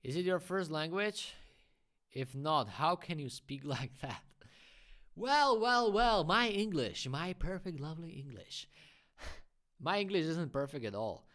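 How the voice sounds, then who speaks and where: A man whose English is a second language hosts a graffiti Q&A livestream, casually and frankly giving his opinions with friendly asides. His voice sits on the high side and sounds fairly bright, with lively intonation and an unhurried pace.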